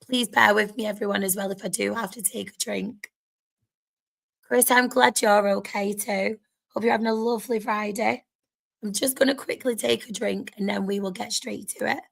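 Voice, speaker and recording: A woman's voice: mid-range voice, steady tone, moderate pace, gravelly. A woman with a sore, strained throat, chatting casually to viewers as host of a football fan livestream.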